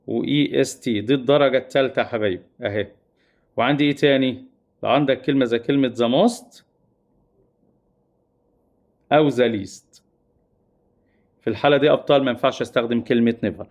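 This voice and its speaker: A man's voice: medium pitch, brisk, darkish tone. Egyptian man teaching a grammar lesson. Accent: Egyptian Arabic. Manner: repetitive, addresses students as heroes and dears. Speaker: English teacher. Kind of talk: exam-prep grammar lesson.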